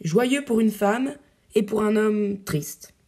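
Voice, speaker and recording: A woman's voice: mid-range voice, lively intonation, slow, husky, heavily acted. A woman reading a commanding swordsman-poet. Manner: commanding, hushed and urgent. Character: bold, scheming male swordsman-poet.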